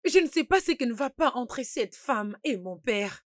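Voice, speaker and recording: A woman's voice: fairly high pitch, expressive, moderate pace, dry recording, studio quality, natural voice. A woman playing a distressed young woman. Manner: upset, pleading. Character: distressed young woman betrayed by her lover. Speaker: young woman in a troubled love affair. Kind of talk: French dub of a film.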